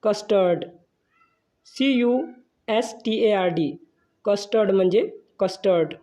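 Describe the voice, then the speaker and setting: Slow, measured vocabulary teacher. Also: medium pitch, dark tone. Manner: slow, measured, spells each word then gives its meaning. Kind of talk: slow vocabulary lesson, spelling words letter by letter.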